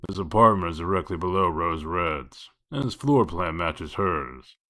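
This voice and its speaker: A man playing a gruff, sardonic, bossy wolf detective in a comic dub, speaking in a curt, commanding way. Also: lively intonation, a little slow, bright, forceful tone, full character voice. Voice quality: deep voice.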